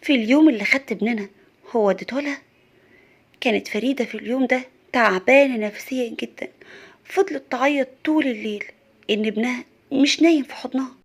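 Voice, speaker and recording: A woman's voice: a little high, fast talker, long pauses, slightly rough. Woman narrating as an earnest young Egyptian husband. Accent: Egyptian Arabic. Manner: earnest, plain storytelling. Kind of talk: storytelling narration.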